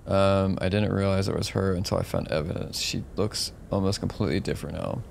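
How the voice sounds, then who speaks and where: A man's voice: sits low, steady tone, brisk, gravelly, darkish tone. A man in his thirties muttering casual commentary and exasperated asides as he streams a horror game, reading out dialogue. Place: small home room, indoors. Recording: faint game noise behind voice.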